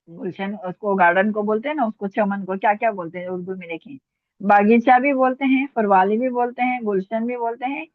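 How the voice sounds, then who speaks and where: The tinny, phone-line audio is dry and echo-free as a woman with a mid-range voice runs an online Urdu vocabulary lesson on a class call. She repeats words patiently and puts questions to her students.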